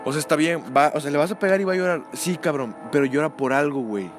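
A man's voice: a little high, fast, music in the background. Crude young Mexican man telling stories. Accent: Mexican Spanish. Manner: crude slangy storytelling, acts out voices. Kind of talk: casual chat.

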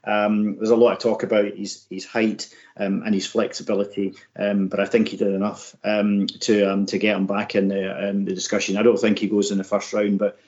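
A man hosting a sports podcast, talking off the cuff about the draft in halting, broken phrases full of ums. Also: lowish voice, monotone, a little mellow. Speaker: podcast host. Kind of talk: unscripted American football draft commentary. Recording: slightly dull, lo-fi podcast audio.

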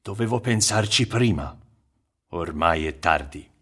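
A man voicing a poor, touchy old woodcarver in a strained, raised voice that sometimes drops to a hush. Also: sits low, animated, a little slow, husky, voice pushed down, heavily acted. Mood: rueful.

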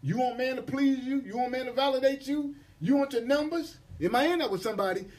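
A man's voice: very high voice, fast talker, a little mellow. A man preaching an impassioned sermon in a rising and falling cadence. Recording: voice from far off the mic.

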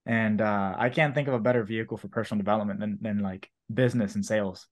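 Fast-talking man in his twenties. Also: lowish voice, fairly even intonation. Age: 20s. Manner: fast-talking, filler-heavy storytelling. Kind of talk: casual chat.

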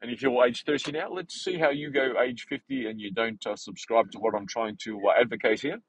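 A man in his forties hosting a podcast, talking in a rambling, animated way with many fillers and restarts. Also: medium pitch, brisk, a little hiss or hum, poor audio. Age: 40s. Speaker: podcast host. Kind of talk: casual unscripted monologue.

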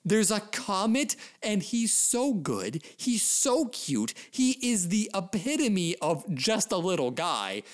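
A podcast host talks in an unhurried way, with a voice that leaps all over its range. Dry, sarcastic remarks give way to melodramatic gushing. The delivery is comedic commentary with plenty of exaggeration. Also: mid-range voice, very animated. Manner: gushing, theatrical overexcitement; sarcastic asides.

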